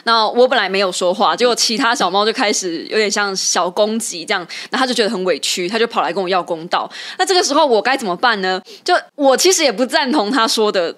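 A woman podcast host, telling a story in casual chat and often rising high with excitement. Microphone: studio podcast mic.

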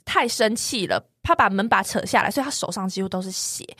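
A woman in her twenties, co-hosting a podcast, tells a personal story in a casual, animated way and acts out the knocks and quoted lines. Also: mid-range voice, fairly quick, husky, no room sound, studio quality. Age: 20s. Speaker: podcast co-host.

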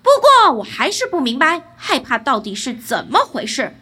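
A woman voicing a brash, fearless young man who talks loudly and cockily in a fairy tale. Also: high voice, very animated, normal speed, slightly rough, full character voice. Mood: puzzled. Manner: loud, cocky shouting.

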